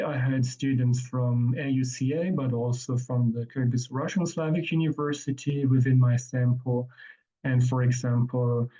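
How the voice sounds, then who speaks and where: Here a man with a mellow, mid-range voice talks through his research at an academic conference. He speaks at a measured pace but keeps restarting and filling gaps with ums, and the audio is muffled.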